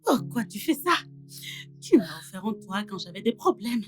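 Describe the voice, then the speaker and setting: A woman's voice: mid-range voice, big pitch swings, moderate pace, close to an everyday voice. An actress dubbing a scheming, scornful young woman in a French-language film drama. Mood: contemptuous. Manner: scornful, needling. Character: scheming, contemptuous young woman, Zaid's girlfriend.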